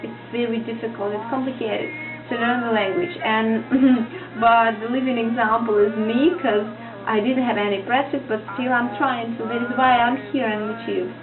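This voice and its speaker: Tinny lo-fi audio with background music carries this woman's casual vlog lesson. Her slightly high voice keeps fairly even intonation at a normal speed, and her Russian accent comes from Russian being her native language. She often pauses, groping for the right word.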